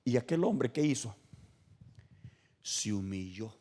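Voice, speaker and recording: A man preaching an evangelical sermon in a church, swinging between shouted exhortations and hushed asides and repeating his points with emphasis. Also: medium pitch, animated, slow pace. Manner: emphatic and repetitive.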